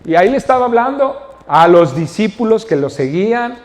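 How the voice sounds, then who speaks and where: Very animated and high-voiced, the pastor speaks at a normal pace in a large church hall. He has a Mexican Spanish accent and teaches his sermon by reading scripture, explaining it and quizzing the congregation.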